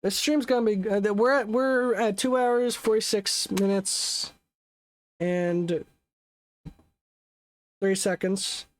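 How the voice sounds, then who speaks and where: Speaking slowly and pausing often in a medium-pitched voice, a young adult streamer gives casual commentary on live gameplay. They ramble, keep correcting themselves, and toss out offhand swears.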